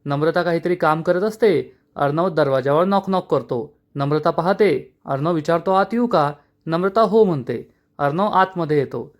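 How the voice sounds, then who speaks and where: A man's voice: a little high, normal speed. A man reviewing a TV serial episode, narrating the plot dramatically and addressing listeners as friends.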